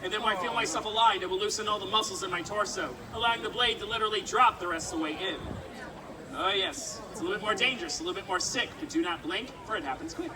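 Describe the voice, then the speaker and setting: Female festival stage performer, cheeky live banter with audience; distant outdoor recording with clear crowd noise. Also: mid-range voice, quick pace. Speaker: sword swallower, street show performer.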